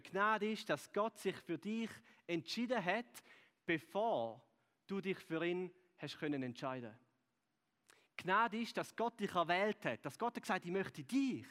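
A man with a Swiss German accent preaches in a fairly high voice. He moves between loud, lively asides and soft, hushed lines, repeating phrases in a steady rhetorical rhythm. The long reverb of a big hall trails behind his words. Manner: repetitive rhetorical cadence. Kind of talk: sermon to a live audience.

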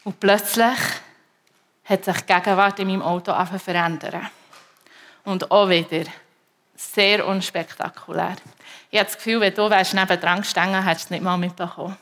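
A woman with a Swiss German accent, a preacher giving a personal faith testimony to a congregation in an emotional, halting way that repeats herself. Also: mid-range voice, steady tone, fairly bright tone.

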